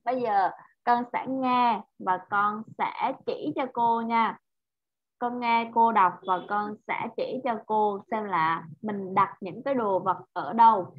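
A woman's voice: mid-range voice, takes it slowly, no echo. A woman with a Vietnamese accent teaching English to a child in an online lesson, patiently drilling pronunciation and encouraging the student. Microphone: video call. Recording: dull, dry video call audio.

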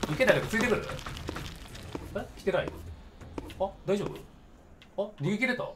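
A young man giving jokey, excitable commentary while playing a game. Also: high-pitched, fairly quick, background noise. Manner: excitable, jokey, reacting out loud. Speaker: game streamer. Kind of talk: let's play commentary.

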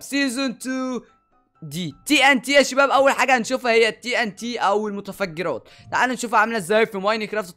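Young egyptian guy reacting to stuff, super eager and loud, bright sharp voice, faint music behind. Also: sits high. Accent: Egyptian Arabic. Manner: eager, exclamatory, keeps calling out to viewers. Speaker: YouTube reaction host. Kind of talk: excited reaction commentary.

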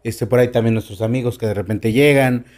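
Speaking fast in a mid-range, somewhat mellow voice, a man with a Mexican accent tells stories as a guest on a laid-back podcast. His intonation stays fairly even, though he shifts tone and emphasizes words as he goes.

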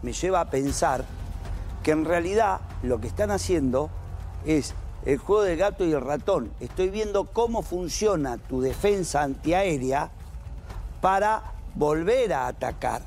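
A man's voice: on the high side, lively intonation, measured pace, a little mellow, soft background music. A man with an Argentine accent arguing his view emphatically on a live TV news panel. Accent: Argentine Spanish. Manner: emphatic, argumentative. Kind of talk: live studio panel discussion. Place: TV news studio.

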